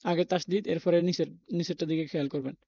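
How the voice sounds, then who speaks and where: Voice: medium pitch, fairly even intonation, fast talker, mellow, no room sound. A patient teacher spelling out Arabic letters and vowel marks one by one in a Quran reading lesson, reassuring learners that it is not hard. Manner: reassuring, talks the learner out of worry. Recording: dull, lo-fi recording.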